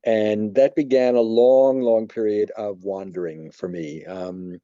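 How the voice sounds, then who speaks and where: A man in his seventies from New York, telling a personal faith testimony in a reflective, halting way with many pauses. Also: fairly low pitch, steady tone, warm tone, no echo, highs cut off. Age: 70s. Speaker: church member giving testimony.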